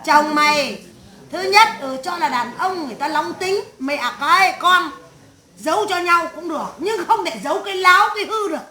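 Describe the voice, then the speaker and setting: A woman's voice: very high voice, lively intonation, normal speed, bright, forceful tone, full character voice. A woman medium voicing the spirit of a stern old great-grandmother in a séance, scolding her family in a harsh, crude tirade full of curses. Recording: echoey room.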